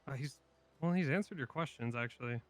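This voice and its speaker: A man with a clean, resonant voice of average pitch improvises as a judge in a role-play. He talks informally and in a measured way, often stammering as he gets to his point. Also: no room sound.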